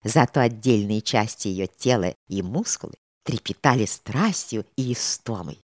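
A woman with a strikingly deep voice narrates a storybook with measured, expressive phrasing and a lively melodic line. The recording is dry and close. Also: no echo. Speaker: reader. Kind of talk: audiobook narration of a historical novel.

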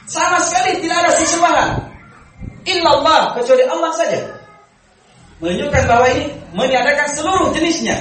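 A high-pitched man leads a religious study lecture, repeating grammar rules step by step and quizzing his listeners with quick checks. He often chuckles as he teaches. His voice comes from well back in a hall that echoes heavily. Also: fairly bright tone. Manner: keeps quizzing the audience with short checks. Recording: very echoey room, voice from far off, faint background noise.

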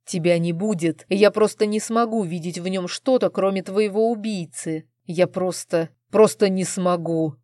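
A woman reading the part of a grown husband, desperate and grieving, who speaks in a hoarse, pleading voice in a storybook reading. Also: mid-range voice, normal speed, hardly any pauses, mellow, no echo, clean studio sound, lightly acted. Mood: broken.

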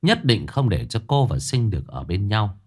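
A man narrating a dramatic village tale in an expressive, scripted storytelling voice. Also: on the low side, normal speed, slightly rough.

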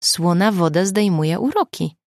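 A woman's voice: fairly low pitch, animated, measured pace, dry recording. A woman reading the lines of a blunt, dry-humored woman friend in an audiobook. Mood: wry.

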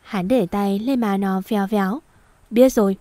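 A woman reading a story aloud in an even storytelling manner. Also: mid-range voice, normal speed, dry recording. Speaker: narrator.

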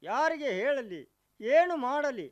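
A lamenting elder prince. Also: male voice, extremely high pitch, very animated, takes it slowly, muffled recording, exaggerated voice. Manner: lamenting, mournful, declamatory. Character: elder royal brother, grieving and helpless. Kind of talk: mythological radio play acting.

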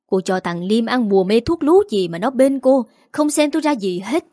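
A woman's voice: on the high side, expressive, moderate pace, warm tone, no room sound, clean studio sound. A woman reading a storybook voices a harsh older mother-in-law who scolds in a biting, accusing tone. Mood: scolding.

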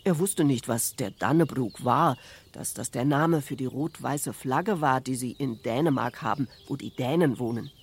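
A woman reading quotes and a children's story with expressive storytelling. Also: extremely low pitch, moderate pace, slightly rough. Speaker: reader.

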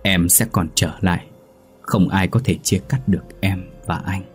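A man's voice: low voice, brisk, faint music behind, natural voice. A man doing a vengeful woman ghost. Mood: menacing. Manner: threatening. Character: vengeful female ghost, menacing.

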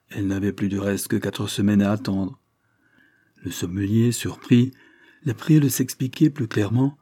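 Low, husky male audiobook narrator. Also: mellow.

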